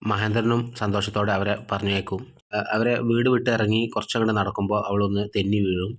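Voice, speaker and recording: Lower-voiced man casually recapping a serial. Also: fast talker. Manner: relaxed storytelling, retelling each character's lines in his own plain voice. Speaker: narrator recapping a TV serial episode. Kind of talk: casual spoken plot recap.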